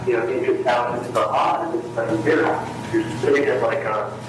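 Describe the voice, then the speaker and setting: A man talking on a recorded prison phone call, slow and halting, rambling through his story. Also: medium pitch, steady tone. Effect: prison phone call played aloud in court. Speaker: inmate on a recorded jail call. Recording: echoey courtroom playback of a phone call, noisy.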